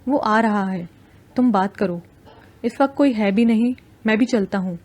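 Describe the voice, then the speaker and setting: A woman voicing a gentle, supportive young male friend who talks in a coaxing, reassuring way. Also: mid-range voice, lightly acted.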